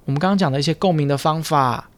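A man, speaking a little higher than most men. He is a speech therapist chatting on a studio podcast, explaining calmly and slipping in playful teasing. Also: rapid-fire, no room sound. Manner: explains patiently, teasing and joking. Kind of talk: casual explanatory podcast chat. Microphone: studio mic with headphones.

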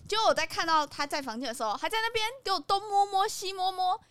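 A woman's voice: very high-pitched, fast talker, fairly bright tone, no echo. A woman with a Taiwanese Mandarin accent, co-hosting a casual podcast chat and telling a story animatedly, acting out the lines she quotes. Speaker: podcast co-host.

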